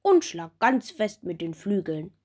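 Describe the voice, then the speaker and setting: A woman voicing a kind, calm old spider who is a doctor, in a storybook. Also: mid-range voice, a little slow. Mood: kindly.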